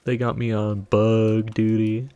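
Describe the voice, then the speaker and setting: A man's voice: lowish voice, monotone, slow, warm tone, smooth, highs cut off, faint music behind. A man casually chatting while streaming a video game, loose and sweary with frequent laughs. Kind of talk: casual gameplay livestream chat.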